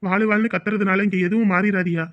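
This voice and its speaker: A calm village elder giving family advice, played by an actor, patient and checking that he is understood. His voice is high for a man, and the recording sounds dull and lo-fi. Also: fast talker, lightly acted. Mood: advising. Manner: patient, advising, checks for agreement. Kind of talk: village family drama acting.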